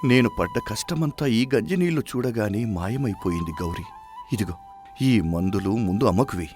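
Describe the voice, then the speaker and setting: A man's voice: fairly low pitch, animated, normal speed, music in the background, lightly acted. A man voicing a poor, honest young village laborer, speaking in an emotional, pleading way. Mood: tender. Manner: pleading, emotional dramatic reading.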